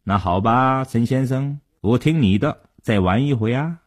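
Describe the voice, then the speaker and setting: A male storyteller voicing a rich, cautious male tycoon at the card table, speaking in a low, drawn-out, coaxing way. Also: lively intonation. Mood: agreeable.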